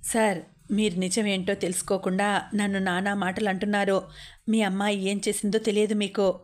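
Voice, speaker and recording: A woman's voice: mid-range voice, little pitch movement, normal speed, lightly acted. A woman voicing a worried, short-tempered husband who has lost his job, speaking in an agitated, reproachful way. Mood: hurt.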